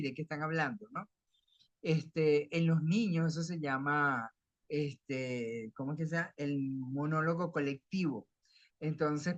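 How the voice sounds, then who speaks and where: Venezuelan male lecturer, middle-aged, slightly high voice, dry close sound, restarts phrases often. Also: no room sound, dull audio. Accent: Venezuelan Spanish. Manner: explains with homely everyday examples, frequent self-restarts. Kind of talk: academic lecture.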